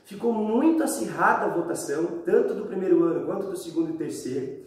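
A man's voice: sits high, a little fast. A man in his thirties with a Brazilian accent, giving a casual, chatty lesson to schoolchildren. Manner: animated, chatty, addressing pupils directly. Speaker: school physical education teacher. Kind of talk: casual video lesson for children. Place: bare indoor room at home. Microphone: camera a few metres away. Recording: very echoey room, distant microphone.

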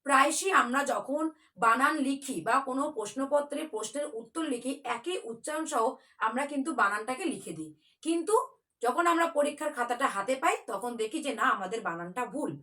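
A woman's voice: high-pitched, expressive, brisk, bright, forceful tone. A woman teaching a children's spelling class in a patient, coaxing way, spelling words out letter by letter.

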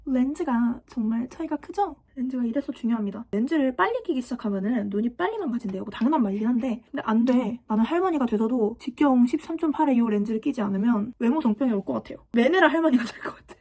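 A woman's voice: fairly high pitch, expressive, quick pace, hardly any pauses, dark tone, breathy edge. A young woman in her twenties chatting and telling a story while she does her makeup, talking straight to the camera. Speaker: beauty vlogger. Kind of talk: get-ready-with-me storytelling.

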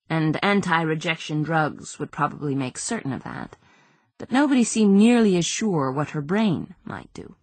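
A woman narrating an audiobook in a measured, subdued reading. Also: low voice, no room sound. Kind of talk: scripted narration.

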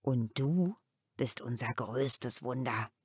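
A woman voicing a gentle, thoughtful father who talks calmly and a little sadly, in a children's audiobook. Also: very deep voice, slow pace, breathy edge, no room sound, studio quality, full character voice. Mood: reflective. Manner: calm, reflective storytelling.

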